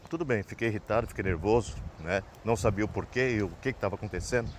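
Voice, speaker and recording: A man's voice: lowish voice, fast, a little hiss or hum. A man from Brazil with a Brazilian Portuguese accent, telling a personal story in a casual, rambling way and ending sentences with "né?". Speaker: vlogger.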